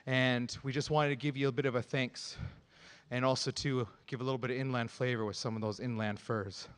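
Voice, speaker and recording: A man leading a dance group, announcing songs on a festival stage in an earnest, explanatory way with pauses between phrases. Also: medium pitch, fairly even intonation, smooth, big-room sound. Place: outdoor or large festival stage.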